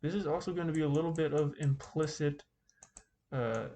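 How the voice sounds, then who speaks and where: A man speaking through a face mask, giving an informal calculus lesson in a halting way, thinking aloud as he goes. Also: fairly high pitch, mellow. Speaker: math teacher.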